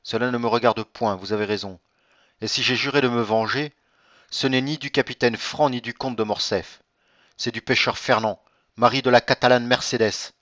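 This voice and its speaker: A man's voice: mid-range voice, steady tone, moderate pace, a bit bright, dry recording, natural voice. A man reading an audiobook, voicing a bitter, vengeful nobleman who speaks with cold irony. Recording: dull lo-fi dry recording.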